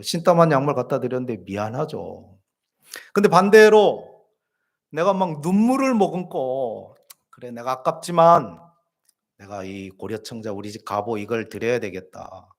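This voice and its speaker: A man preaching a sermon as pastor, telling everyday stories and asking the congregation questions. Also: on the high side. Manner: lively storytelling with everyday examples and questions to the congregation. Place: church.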